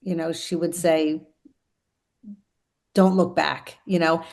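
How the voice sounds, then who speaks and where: A woman's voice: low voice, little pitch movement, slow, creaky, a little mellow. A woman in her fifties, a podcast guest, chatting casually in a rambling way with lots of fillers. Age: 50s. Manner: rambling, many fillers and restarts. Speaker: podcast guest, food company founder. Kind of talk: casual chat.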